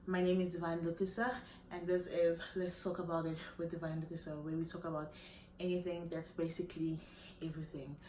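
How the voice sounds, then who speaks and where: Young woman vlogger, earnest and halting with fillers; faint noise and room echo behind her. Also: fairly low pitch, level tone, mellow. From South Africa. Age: 20s. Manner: earnest, hesitant with many fillers. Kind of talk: personal talk to camera.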